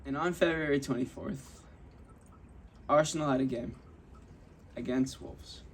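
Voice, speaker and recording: A man's voice: medium pitch, a little slow. A young man hosting a podcast, telling a personal story in a candid, rambling way with many restarts and acted-out quotes. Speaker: podcast host. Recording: voice slightly off-mic with faint ambient noise.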